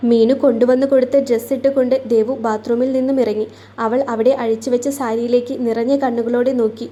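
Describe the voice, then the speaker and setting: A woman storyteller reading a romance in an even, unhurried way. Her voice sits a touch high and mellow, and it barely rises or falls. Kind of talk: scripted story narration.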